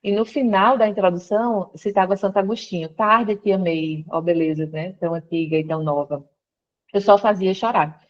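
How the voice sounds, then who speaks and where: A woman's voice: medium pitch, normal speed, highs cut off. A woman, a guest on a call from her workplace, telling her conversion story and acting out what others said. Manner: storytelling, quoting others with lively voice shifts. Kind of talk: conversion testimony interview.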